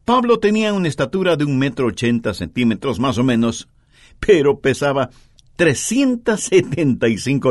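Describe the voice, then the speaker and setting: A man's voice: medium pitch, no room sound, clean studio sound. A man preaching an earnest sermon, telling stories and making points with strong emphasis.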